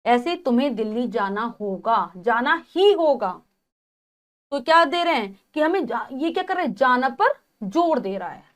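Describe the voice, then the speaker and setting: Woman teacher, high voice, patient step-by-step grammar lesson for kids. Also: expressive, moderate pace, fairly bright tone. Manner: explains step by step and addresses children.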